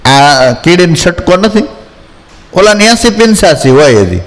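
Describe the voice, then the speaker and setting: A man's voice: high voice, sing-song, unhurried, long reverb tail, rough recording. A man giving a folksy devotional discourse, telling anecdotes and acting out villagers in quoted voices. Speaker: spiritual storyteller.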